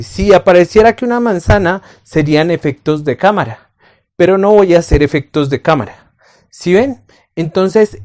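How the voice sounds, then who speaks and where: A man teaching a recorded Bible lesson to camera, speaking slowly and emphatically, asking questions and answering them himself, and addressing the listener as a friend. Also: sits high, darkish tone.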